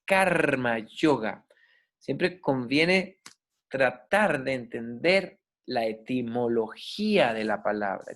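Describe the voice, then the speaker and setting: A man gives a yoga class lecture at a middle pitch. He spells out Sanskrit words and repeats them slowly. He keeps checking in with his listeners. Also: vocal fry. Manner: checks in with listeners, asking ok and right. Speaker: yoga teacher.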